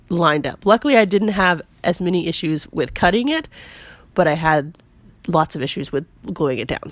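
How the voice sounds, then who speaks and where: A woman with a cold and a squeaky voice, narrating her scrapbooking video in a chatty, self-deprecating way with lots of fillers. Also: no room sound. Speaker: scrapbooking vlogger. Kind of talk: casual voice-over narration.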